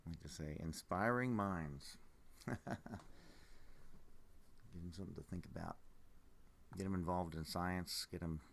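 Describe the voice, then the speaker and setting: A man's voice: low-pitched, steady tone, normal speed, creaky, pauses often, slight background noise. A groggy man who has just woken up, musing casually and unhurriedly as he sells specimens on a livestream, trailing off mid-thought. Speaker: live auction seller showing amber specimens.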